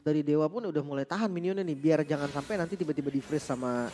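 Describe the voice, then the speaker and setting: An Indonesian esports caster giving colloquial, excitable match commentary and analysis. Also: mid-range voice, fast, a little hiss or hum. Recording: music behind the voice.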